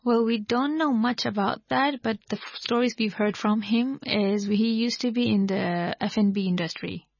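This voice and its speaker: A woman in her thirties from Hong Kong, answering interview questions casually with halting restarts. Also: on the high side, gravelly, dry recording. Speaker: guest entrepreneur. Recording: dry, slightly muffled radio broadcast.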